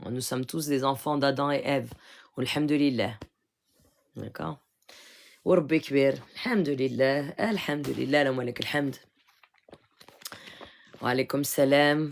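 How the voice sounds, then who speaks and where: Gravelly woman healer. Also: rumbling low, measured pace, long pauses. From Morocco. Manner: earnest and instructive, keeps checking in with "d'accord?". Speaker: spiritual healer hosting a live stream. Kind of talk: casual live-stream talk with religious teaching.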